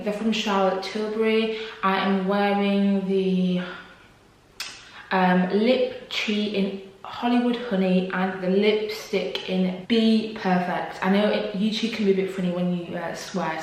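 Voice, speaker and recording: A woman's voice: mid-range voice, slight background noise. Young woman YouTuber, casual Q&A to camera, lots of fillers, strong room echo. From Congo. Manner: chatty, laughs often, many fillers.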